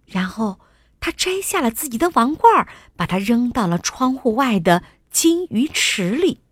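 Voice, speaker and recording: A woman telling a bedtime story to small children in a gentle, sing-song way, at times dropping to a whisper. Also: a little high, big pitch swings, normal speed, slightly rough, no room sound.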